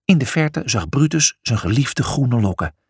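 A man's voice: medium pitch, lively intonation, moderate pace, breathy edge, no room sound, studio quality. A man narrating a children's adventure story, reading expressively.

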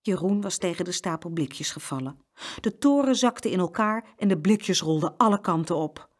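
A woman's voice: on the low side, lively intonation, moderate pace. A woman reading a children's story aloud and acting out the sound effects.

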